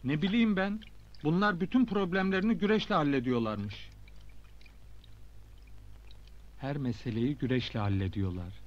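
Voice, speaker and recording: A man's voice: on the high side, fairly quick, lo-fi sound, a little hiss or hum, lightly acted. A man acting a middle-aged, earnest and headstrong newspaper reporter in a comedy film. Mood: explaining, dismissive.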